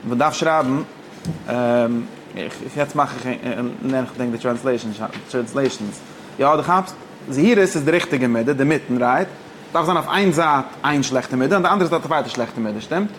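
A man teaching an informal text study lesson, halting and restarting often, mixing languages. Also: mid-range voice, a bit bright, a little hiss or hum. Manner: halting, mixes languages, many fillers and restarts. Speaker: teacher of religious texts.

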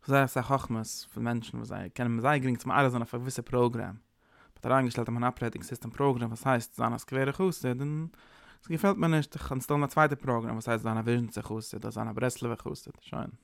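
A man's voice: medium pitch, quick pace, creaky, hardly any pauses, no room sound, clean studio sound. A man giving an informal, rambling sermon, mixing in English words. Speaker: preacher. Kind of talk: informal Yiddish-tinged sermon.

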